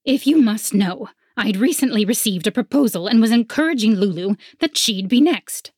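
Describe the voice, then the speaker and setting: A woman's voice: on the high side, expressive, moderate pace, darkish tone, breathy edge, dry recording, clean studio sound, voice pushed up. A woman voicing a proud, indignant winged female chocolatier who speaks sharply.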